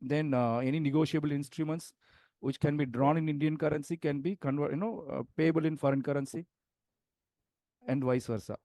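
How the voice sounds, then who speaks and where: A man's voice: a little high, fairly even intonation, brisk, dark tone, no echo. A male student answering his teacher's questions hesitantly, with many fillers and a polite "sir". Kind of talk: answering in class.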